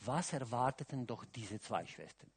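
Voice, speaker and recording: A man preaching a sermon, asking his listeners questions and swinging from quiet musing to loud, emphatic calls. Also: mid-range voice, lively intonation, normal speed, husky. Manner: asks the audience questions, adds "oder?" often.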